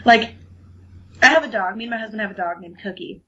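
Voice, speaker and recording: A woman's voice: medium pitch, animated, fast, fairly bright tone, breathy edge. A young woman co-hosting a podcast in casual chat, talking freely with lots of fillers and laughs. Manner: chatty, laughs often, many fillers. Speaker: podcast co-host. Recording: muffled lo-fi recording.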